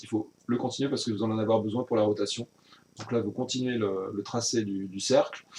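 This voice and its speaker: A man's voice: mid-range voice, slight background noise. A man teaching a recorded virtual class recap, explaining step by step with frequent hesitations and self-corrections.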